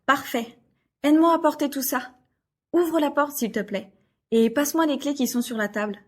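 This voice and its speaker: A woman acting a scripted lesson dialogue, brisk and hurrying. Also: sits high. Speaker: actor in a dialogue.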